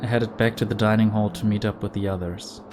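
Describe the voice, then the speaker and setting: A man's voice: lowish voice, steady tone, fairly quick, noisy background, natural voice. A man voicing a downcast, sincere teenage schoolboy who narrates a video game story. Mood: mournful. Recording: game music behind.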